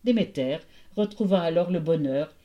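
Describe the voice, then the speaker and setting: A woman narrating a myth as a storybook reading, expressive and measured. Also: on the low side, dull audio.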